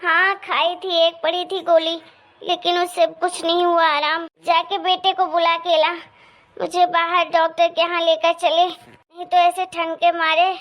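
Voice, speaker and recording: A woman's voice: very high-pitched, level tone, a little slow, fairly bright tone. Woman voicing a bitter, feverish mother-in-law. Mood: scolding. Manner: bitter and scolding. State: feverish and in pain. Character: harsh, complaining middle-aged mother-in-law. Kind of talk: cartoon story voice acting.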